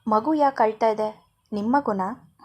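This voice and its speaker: A gentle young mother in a storybook, calm and caring, her speech soft and steady. A woman narrator gives her voice, staying close to her own natural tone. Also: fairly high pitch, a little slow. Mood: curious.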